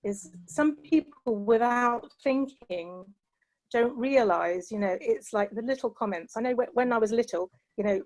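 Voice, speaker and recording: On a low-quality recording, a middle-aged English panel guest talks a little slowly in a slightly high, slightly mellow voice. With her British accent, she offers earnest personal reflections and frequently drops in "you know."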